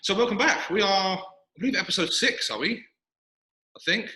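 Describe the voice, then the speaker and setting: Male podcast host, quick and self-mocking, recorded with big hall echo in a gym. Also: high-pitched, sharp tone. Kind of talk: casual chat. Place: echoey gym, sitting in a squat rack. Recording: echoey gym room.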